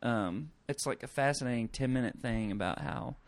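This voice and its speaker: Relaxed man chatting on a podcast. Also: mid-range voice, normal speed, vocal fry, no room sound. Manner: relaxed, hesitant with many fillers. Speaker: podcast co-host. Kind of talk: casual chat.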